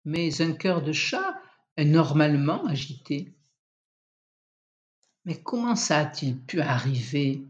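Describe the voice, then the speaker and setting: A tense young husband frets over his frightened cat, his words coming out sharp and insistent, as a reader puts him on. He speaks slowly and pushes his voice up, louder than the narration around him. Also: a little high, sing-song, highs cut off. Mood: anxious.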